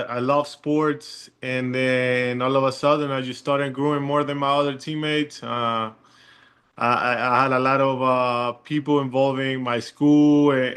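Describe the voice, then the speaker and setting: A young Chilean pro basketball player, appearing as a guest in a casual interview, talks in a relaxed, rambling way full of fillers. He has a Chilean Spanish accent and a clean, mid-range voice.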